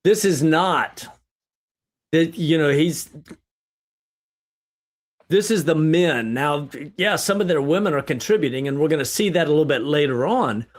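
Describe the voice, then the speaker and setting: A man with a somewhat high voice leads a lively Bible study over a livestream. He talks in bursts of exclamation and fires off rhetorical questions, often tagging them with "right?". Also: a little slow, long pauses. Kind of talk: animated Bible study discussion.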